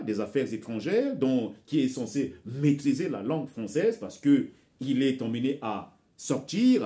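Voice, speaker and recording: This exhorting man from Congo, a native Bembe speaker, has a mellow voice pitched fairly high. Vlogging straight to camera with impassioned commentary, he addresses viewers as brothers and sisters and repeats words while groping for phrasing.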